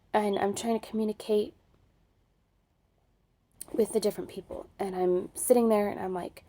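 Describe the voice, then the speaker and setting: A woman's voice: mid-range voice, mellow. A woman telling a personal dream story in a rambling way, full of fillers and restarts, with talk of prayer. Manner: religious, speaks of prayer. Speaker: vlogger sharing a dream vision.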